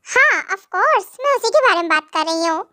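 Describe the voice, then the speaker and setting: A woman's voice: very high voice, lively intonation, moderate pace, bright, forceful tone, no room sound, studio quality, full character voice. A woman voicing a knowing female doctor who hints and teases in a fan-made audio drama. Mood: teasing. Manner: teasing, hinting.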